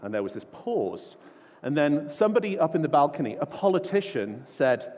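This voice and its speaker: A man's voice: on the high side, big pitch swings, moderate pace, darkish tone. A man giving an informal, self-deprecating keynote talk full of stories at a large conference. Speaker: conference speaker. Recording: long hall reverb.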